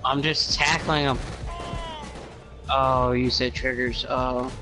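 A man's voice: mid-range voice, little pitch movement, takes it slowly, music in the background. A man chatting casually while livestreaming a game with a friend, crude and giggly, swearing a lot. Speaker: gamer.

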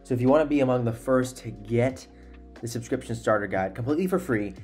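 A young adult man hosts a conversational podcast from a small room at home, speaking earnestly and emphatically into a close desktop mic as he introduces and interviews. His voice is medium-pitched, a little mellow, and quick, with faint music behind it.

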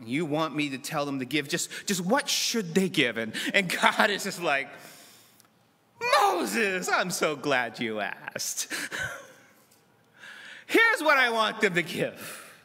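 A middle-aged man preaching a sermon from a church pulpit, acting out dialogue with dramatic swings between loud and soft. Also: a little high, slow, long pauses. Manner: dramatic, voices God and Moses in lively asides. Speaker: pastor. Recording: long church reverb.

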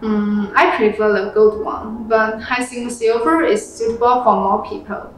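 Brief: young female product presenter, fairly high voice, scripted read, heavy room echo, music behind. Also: unhurried, slight background noise. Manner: reads a script, plain and steady, with non-native phrasing. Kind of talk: reading a product review script. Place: small room indoors. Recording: very echoey room with background music.

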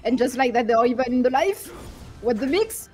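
A woman's voice: high-pitched, lively intonation, moderate pace, loud music behind the voice. A woman doing live fighting-game commentary, reacting with gasps and teasing her co-host playfully. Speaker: esports commentator.

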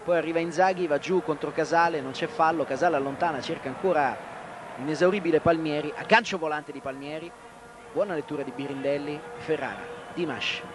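This football commentator has a voice on the high side and talks fairly quickly. He delivers live play-by-play in short bursts, naming players as the ball reaches them. It is an old broadcast with heavy outdoor stadium ambience behind him.

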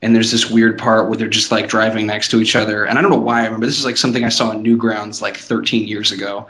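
A man's voice: fairly low pitch, level tone, quick pace, fairly bright tone, low-quality recording. A man co-hosting a podcast, telling rambling anecdotes in casual comedic chat. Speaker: podcast co-host.

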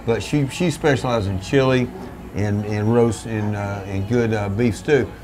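An older man who owns a small restaurant, telling its history in a relaxed, folksy way with many restarts, seated at a table in a back room. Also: fairly low pitch, unhurried. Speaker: restaurant owner. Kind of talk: relaxed storytelling interview. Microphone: seated at a table, camera in front.

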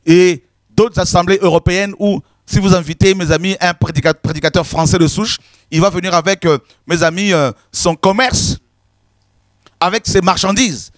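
A man with a high-sitting voice preaches a sermon at a moderate pace, recorded with studio quality and no echo. His delivery is emphatic and repetitive, and he often addresses his listeners as "mes amis," or "my friends."

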